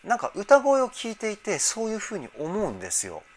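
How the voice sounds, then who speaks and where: A male vocal coach breaks down the singing in a music video in a relaxed, excited way, often cutting in with eager comments mid-explanation. His voice sits high and he talks fairly fast.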